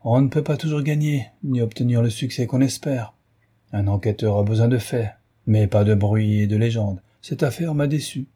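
A man reading an audiobook aloud, voicing a cool, assured male detective with measured, confident pronouncements. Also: mid-range voice, mellow, breathy edge, natural voice. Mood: dismissive.

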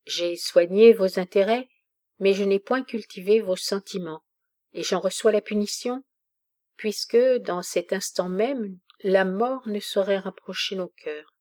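Une noble mère mourante parle avec une dignité calme et grave, lue par une femme. La voix est douce et sombre. Le débit reste posé et mesuré. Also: female voice, medium pitch, measured pace, close to an everyday voice. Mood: dignified. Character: dying noble mother, dignified and calm.

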